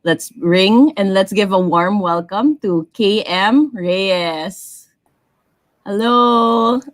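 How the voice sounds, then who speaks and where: A woman's voice: medium pitch, very slow, dry recording. A woman hosting a video-call interview, speaking casually, rambling and restarting her sentences. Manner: warm-hearted, rambling, restarts often. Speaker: host. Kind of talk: casual chat.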